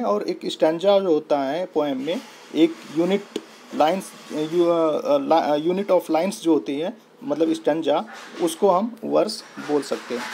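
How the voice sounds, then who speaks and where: A man's voice: fairly high pitch, dark tone, a little hiss or hum. A young man with an Indian accent teaching a lesson, patient and repetitive, spelling words out letter by letter. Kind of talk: explaining lesson in Hindi-English mix.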